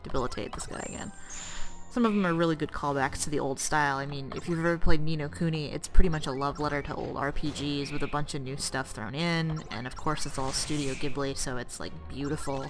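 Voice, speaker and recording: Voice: mid-range voice, fairly even intonation, brisk, few pauses, over music. A let's play commentator rambling casually about games while playing, with asides to the action. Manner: rambling, chatty, with fillers and asides to the game.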